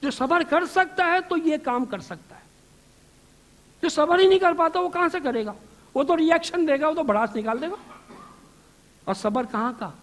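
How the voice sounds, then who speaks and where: A man's voice: extremely high pitch, pauses often, fairly bright tone. A man giving a religious lecture to a seated audience. He asks rhetorical questions and answers them himself, and drops English words into his speech. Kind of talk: Islamic lecture to a live audience.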